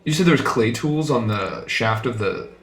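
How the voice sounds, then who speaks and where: A man's voice: medium pitch, expressive, measured pace, fairly bright tone, reverberant. A man playing a tabletop game, casually asking the game master lots of questions. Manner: curious, asks many questions. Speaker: player.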